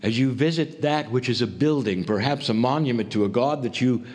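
A man giving a spiritual channeled talk to a group, speaking in deliberate, solemn phrases with pauses. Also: medium pitch, a little mellow. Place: live before a group. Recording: faint background noise.

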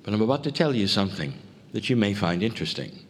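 Measured, solemn man giving a spiritual talk. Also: lowish voice, expressive. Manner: measured, deliberate, solemn phrasing. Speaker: channeler addressing a group. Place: live before a group. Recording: faint background noise.

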